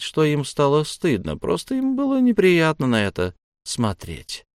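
A man narrates an audiobook in a steady, even storytelling voice. The sound is dry and close to the mic, with mid-pitched, unhurried delivery. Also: clean tone, no room sound. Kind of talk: scripted narration.

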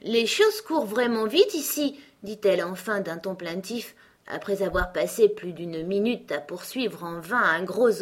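A woman narrating an audiobook in a calm, even storytelling manner. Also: mid-range voice. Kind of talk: scripted narration.

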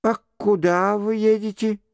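A man reading the part of a young noble countess who asks quick, worried questions in a storybook reading. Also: mid-range voice, steady tone, gravelly, darkish tone, clean tone, no echo, clean studio sound, pitched above the performer's own voice. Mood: curious.

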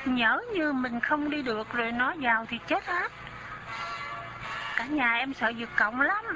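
A man's voice: very high-pitched, a little slow, muffled recording, music in the background, pitched above the performer's own voice. A male narrator voicing a frightened young wife who asks worried, pleading questions. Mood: anxious.

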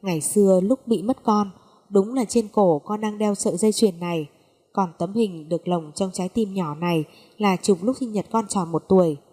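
A woman's voice: mid-range voice, moderate pace, mellow, lightly acted. A woman voicing a grieving middle-aged mother who speaks through tears, with long reverb. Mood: tearful. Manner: pleading, sobbing speech.

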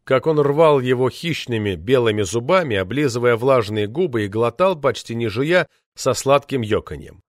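A man narrating a novel as an audiobook, reading in a measured, expressive way into a close mic. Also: medium pitch, dry recording.

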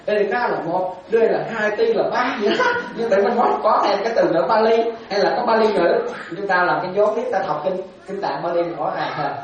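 A woman's voice: mid-range voice, fairly quick, hardly any pauses, crowd noise. A woman, a Buddhist monastic teacher giving a dharma talk to lay followers. She questions her listeners often, repeats key phrases and laughs lightly. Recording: very echoey and distant, dull sound.

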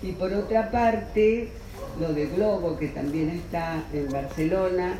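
On a panel, a Spanish man with a high, warm voice talks slowly and spontaneously, chuckling frequently, rambling, and correcting himself. The mic is distant, picking up a roomy, echoing hall and background noise.

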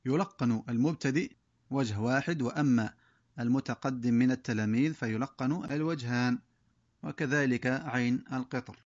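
A man teaching the rules of pausing in Quran recitation, reciting each example word slowly and then stating the rule quickly. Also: mid-range voice, dry recording, lo-fi sound. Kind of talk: tajwid lesson with slow recited examples.

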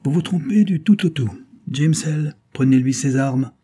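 A man voicing a booming, menacing gang boss. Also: normal speed, warm tone, husky. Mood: mocking. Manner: sonorous, threatening, mocking. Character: boastful menacing male gang chief.

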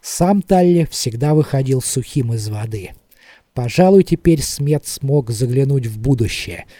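A man narrating an audiobook in a measured, expressive reading. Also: mid-range voice, dry recording. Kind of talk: scripted narration.

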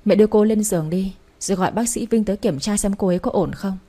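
A calm young husband from an audio story, as a woman reads him, asking pointed, level questions. The voice stays mellow and a little husky. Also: mid-range voice, fast talker, natural voice. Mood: concerned.

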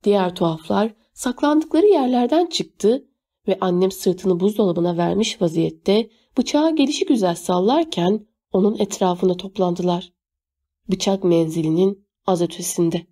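A woman narrating a first-person novel as an audiobook, in a measured, steady storytelling manner. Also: medium pitch.

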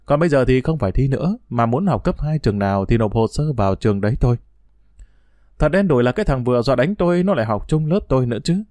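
A man's voice: medium pitch, animated, fast talker, dark tone, no echo, clean studio sound. A man narrating a first-person story in a wry, reflective, conversational way.

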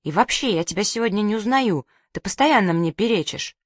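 A woman's voice: mid-range voice, lively intonation, no room sound, close to an everyday voice. A woman reading the part of a bossy, stubborn little girl who snaps indignantly, in a dry close recording. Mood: irritated. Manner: indignant, quick to snap.

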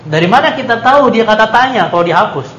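A man's voice: sits high, expressive, fast, fairly bright tone, slight background noise. A man teaching Arabic grammar in a classroom, quizzing his students and stressing points emphatically. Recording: echoey dull room recording.

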